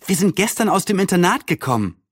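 A man voicing a cheerful, lively young girl in a storybook reading, with eager, quick replies. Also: high voice, slightly rough, dry recording, clean studio sound, voice pushed up, exaggerated voice.

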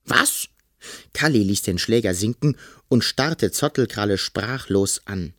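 A man reading a children's storybook aloud with a lower voice that moves a lot in pitch. He brings each scene to life expressively, and the sound is close and dry. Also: lively intonation, unhurried, no room sound. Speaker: narrator.

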